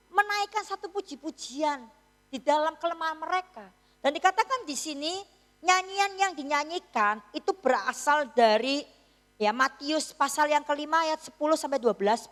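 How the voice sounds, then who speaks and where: A woman preaches in a church, her high voice carrying through a long, ringing reverb. She tells her story in a chatty, teasing way, often checking in with the congregation. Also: fairly bright tone. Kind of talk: sermon.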